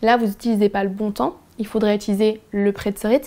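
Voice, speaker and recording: Woman, English teacher, casual video lesson, frank and encouraging, mellow tone. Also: mid-range voice, level tone, fast talker. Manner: frank, encouraging, chatty with many fillers.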